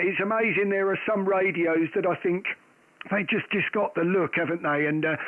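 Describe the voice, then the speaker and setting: Man, slightly high voice, chatty ham radio host, thin band-limited sound, dry. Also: dry recording, phone-quality sound. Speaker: host of a live amateur radio stream. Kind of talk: casual radio chat and call-sign exchanges.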